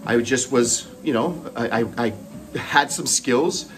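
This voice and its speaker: Running on a treadmill, a middle-aged host with a Canadian accent, originally from Moncton, New Brunswick, recounts something personal in choppy bursts. He talks slowly at a medium pitch with a slightly bright tone, and the recording is rough.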